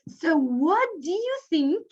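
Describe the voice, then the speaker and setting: Very high, slow teacher. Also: female voice, sing-song, darkish tone, lo-fi sound. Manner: encouraging, praising, sing-song. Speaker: kindergarten teacher. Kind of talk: online class teaching. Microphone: video call.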